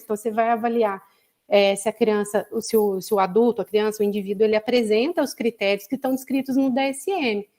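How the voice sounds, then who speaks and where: With a medium-pitched, darkish voice and a Brazilian Portuguese accent, a woman psychologist lectures as a guest on an online live broadcast. She keeps it conversational and patient, dropping in "né?" as a frequent tag.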